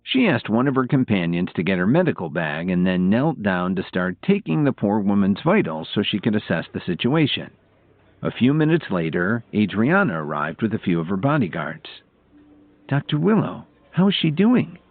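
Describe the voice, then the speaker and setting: Low-voiced, expressive male audiobook narrator. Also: normal speed, no echo. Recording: tinny phone-like audio, faint music.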